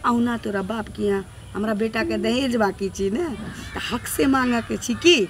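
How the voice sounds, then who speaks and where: A woman's voice: a little high, moderate pace, slight background noise. A woman with a Maithili accent playing a harsh, scolding mother-in-law in a comedy sketch. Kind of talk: scripted comedy sketch acting.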